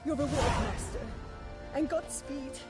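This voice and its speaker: A woman's voice: sits high, a little slow. A woman playing a delighted, bubbly young bride-to-be in a fantasy video game. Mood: overjoyed. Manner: bubbly, gushing. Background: loud game music.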